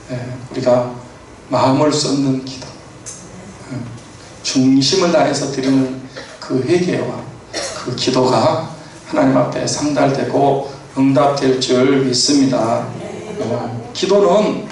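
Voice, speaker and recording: A man's voice: mid-range voice, darkish tone, a little hiss or hum. A man preaching a sermon as pastor in a church, in a conversational way with many fillers and affirmations. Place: church sanctuary. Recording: echoey church hall from far off.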